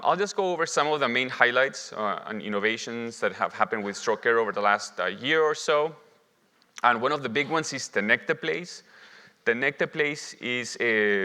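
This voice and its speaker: A physician from Lima, Peru, gives a medical conference lecture in an indoor hall at a symposium. His voice is bright and mid-range, and the reverberant hall leaves a long echo.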